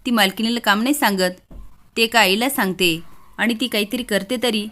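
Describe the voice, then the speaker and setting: Dignified worried mother, gentle and pleading; a woman narrator reads her lines. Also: mid-range voice, normal speed, lightly acted. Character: dignified anxious mother of the household.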